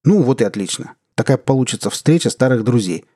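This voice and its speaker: A man's voice: medium pitch, lively intonation, brisk, mellow, no echo, clean studio sound, natural voice. A man voicing a pushy, over-familiar male official who talks on the phone. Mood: chummy. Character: chummy, pushy male deputy minister.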